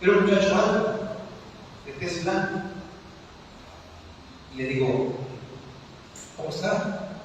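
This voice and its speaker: A pastor from Mexico, a man with a high voice, tells a dramatic story from the pulpit and drops his voice low for the tense moments. He is heard from a distance in a large church hall with a long, booming reverb and faint ambient noise. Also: animated, slow pace, pauses often, lo-fi sound. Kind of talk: sermon storytelling. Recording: distant mic in echoey hall.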